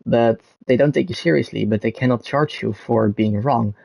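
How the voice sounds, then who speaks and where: A young Dutch man with a Dutch accent, a content creator, rambles unscripted to the camera, full of ums and self-corrections. His voice is medium-pitched, gravelly and mellow at a moderate pace, recorded dry.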